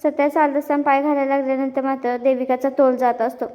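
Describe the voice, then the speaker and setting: A woman casually recaps a TV serial episode, weaving in the characters' lines as she tells it. Her voice is high and mellow. A long reverb hangs behind every sentence. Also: monotone, fast, soft background music. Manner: storytelling, quotes the characters' lines.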